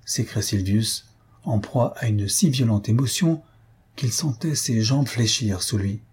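A man narrating an audiobook in a steady reading voice. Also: on the low side, measured pace, breathy edge.

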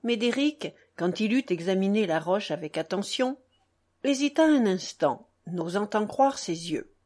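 A woman narrating a classic tale in a measured, expressive reading voice. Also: medium pitch. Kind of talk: audiobook narration.

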